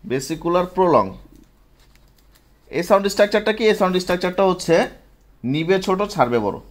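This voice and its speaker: High-voiced man quizzing a class. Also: expressive, fairly quick. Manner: quizzing students often, checking understanding. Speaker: medical instructor. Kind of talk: classroom teaching. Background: students answering.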